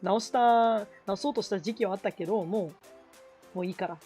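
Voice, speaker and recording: A woman's voice: medium pitch, fairly quick, mellow, faint music behind. Chatty Kansai woman streamer. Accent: Kansai Japanese. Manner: rambling, self-correcting, mixing Japanese and English. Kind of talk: casual chat while drawing.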